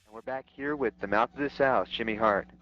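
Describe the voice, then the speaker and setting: A man's voice: medium pitch, fairly quick. A man hosting a show, interviewing guests in a casual radio style. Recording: muffled lo-fi recording, faint noise.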